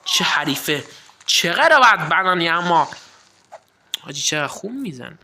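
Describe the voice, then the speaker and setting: A man gives a casual walkthrough of his card game, speaking straight to his viewers. He slips into excited play-by-play now and then before settling back into easy explanation. The recording carries a clear, constant background noise. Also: a little high. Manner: chatty, addresses viewers as kids, bursts into mock sports commentary. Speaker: gaming video creator. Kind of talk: casual gameplay commentary.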